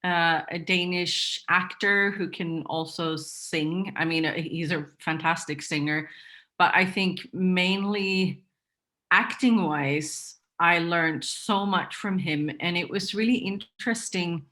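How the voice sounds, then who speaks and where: In a relaxed interview, a woman from Sweden speaks non-native English, often restarting and leaning on fillers. Her lowish voice is bright and forceful, and her pace is slow.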